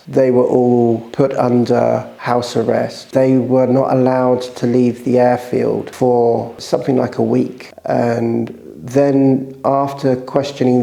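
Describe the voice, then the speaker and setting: A man telling a family story as an interview guest, in a measured and earnest way. His voice is dark and mellow with a gravelly edge. He speaks at an ordinary middle pitch. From United Kingdom.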